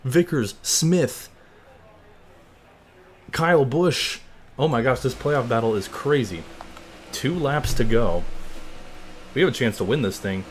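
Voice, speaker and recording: Young male streamer, live game play-by-play, excitable announcer style, mid voice, faint background hum. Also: mid-range voice, slow pace, long pauses. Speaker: gaming streamer. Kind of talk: live racing game commentary.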